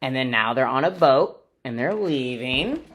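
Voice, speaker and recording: A man's voice: mid-range voice, lively intonation, unhurried, a bit bright. A man, a teacher, reading a picture book aloud to children in a friendly, explaining way. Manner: friendly, explains to kids, playful sound effects.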